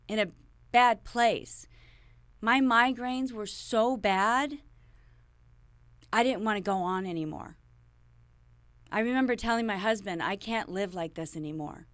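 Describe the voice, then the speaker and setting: A woman's voice: a little high, bright, forceful tone, no echo, studio quality. A middle-aged woman, a podcast guest, telling a personal story in a rambling way, often repeating and restarting her words.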